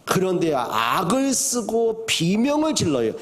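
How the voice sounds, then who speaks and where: An older man, a pastor, preaching a sermon, moving from soft to loud and asking the congregation questions. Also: sits high, huge pitch swings, measured pace.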